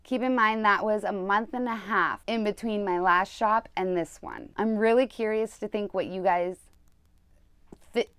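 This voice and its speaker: A woman's voice: mid-range voice, normal speed, fairly bright tone, no echo, clean studio sound. A woman vlogger giving casual, conversational how-to tips. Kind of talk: casual how-to vlog chat. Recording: clear background noise.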